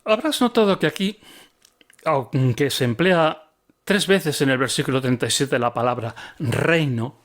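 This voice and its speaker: A man who teaches the Bible, reading his book aloud with commentary, expressive and with occasional slips. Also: a little high.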